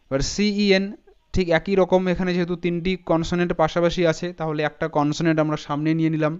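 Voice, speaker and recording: Male teacher, careful syllable-by-syllable delivery, clear resonant tone, muffled lo-fi sound. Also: fairly high pitch, level tone. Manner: slow, deliberate spelling out of letters and syllables. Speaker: English teacher. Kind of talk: spoken lesson breaking words into syllables. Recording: dull lo-fi sound.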